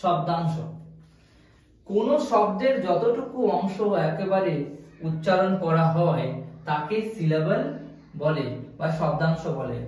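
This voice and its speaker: A man giving a spoken lesson, slow and repetitive, often pausing with "ah" fillers. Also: sits high, heavy reverb, distant mic, rough recording. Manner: slow, repeats words, frequent "ah" fillers. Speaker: teacher. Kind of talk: explanatory lesson.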